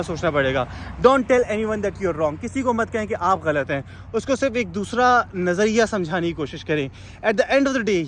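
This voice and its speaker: A woman's voice: mid-range voice, a little hiss or hum. A woman tutoring exam candidates in a spoken advice lesson. She switches languages mid-sentence and keeps checking in with her listeners.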